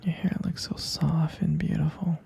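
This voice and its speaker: A man murmurs with tender adoration in boyfriend roleplay ASMR, his breathy, husky whisper broken by soft pauses. The pitch sits a little high and hardly moves.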